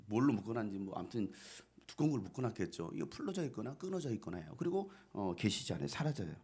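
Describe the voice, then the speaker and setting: A male pastor delivers a conversational sermon, often turning to his listeners with rhetorical questions. His voice is gravelly and a little husky. His pitch moves in lively swings.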